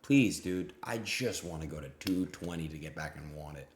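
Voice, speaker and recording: A young man livestreaming his gambling, swearing a lot, swinging between loud outbursts and muttering. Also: very deep voice, expressive, normal speed, roomy sound, slight background noise. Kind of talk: live gambling stream chat.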